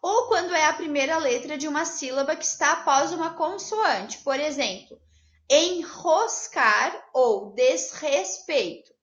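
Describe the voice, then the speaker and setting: A Brazilian woman teaching a Portuguese lesson to children, upbeat and patient, checking in with the class after each point and drawing out example words slowly. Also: high voice, lively intonation, a bit bright. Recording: roomy, slightly dull home video audio.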